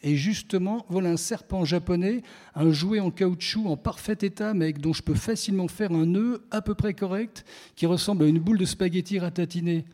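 A man's voice: sits high, moderate pace, mellow. A man reading a slangy first-person literary text aloud with a rhythmic, repeating refrain. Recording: reverberant hall.

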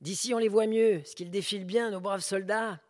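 A man's voice: high-pitched, fairly even intonation, moderate pace, pitched above the performer's own voice, natural voice. A man voicing a pompous, self-satisfied male army supplier who gossips in a raised voice. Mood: smug.

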